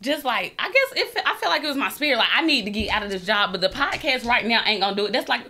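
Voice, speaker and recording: Woman, bright, higher voice, animated casual chat. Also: fast talker. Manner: animated, laughing storyteller, acts out quoted friends. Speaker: podcast guest.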